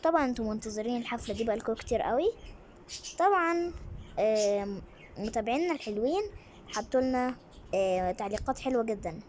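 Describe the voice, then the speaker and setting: A woman's voice: a little high, animated, fast talker, long pauses, a little mellow, slight background noise. A woman with an Egyptian accent hosting a gaming channel, closing her video in a chatty, repetitive way. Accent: Egyptian Arabic. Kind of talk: video outro.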